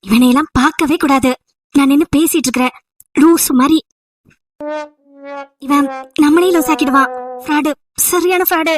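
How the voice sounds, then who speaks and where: A woman voicing an irritated, sharp-tongued young female college student in an amateur audio drama, scolding with sarcastic rhetorical questions. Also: sits high, normal speed, pauses often, soft background music, lightly acted. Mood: annoyed.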